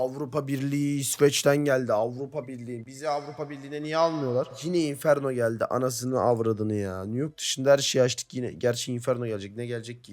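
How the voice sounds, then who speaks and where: A nineteen-year-old man with a hoarse, sore-throated voice, ranting and joking with heavy swearing while he plays a shooter. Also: mid-range voice. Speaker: gaming YouTuber. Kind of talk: casual gaming commentary.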